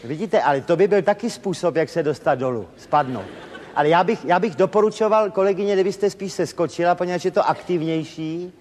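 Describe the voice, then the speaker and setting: An actor plays a fussy, chatty compere who tells jokes at every turn in a stage comedy sketch. His voice sits high for a man and rings through a reverberant theatre hall with faint noise. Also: darkish tone, close to an everyday voice. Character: fussy joke-telling male compere. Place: theatre stage before an audience.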